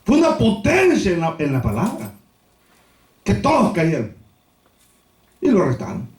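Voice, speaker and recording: A male pastor preaching an animated, storytelling sermon with rhetorical repetitions in a church. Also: sits high, measured pace. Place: church sanctuary. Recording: echoey church from a distance.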